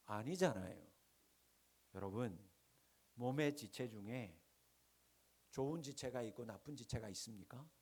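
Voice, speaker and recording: Man, pastor, middle-aged, from Gyeongsang, sermon, rhetorical questions, very animated pitch. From Gyeongsang region, Korea. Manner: rhetorical questions to the congregation, lively swings between loud and hushed.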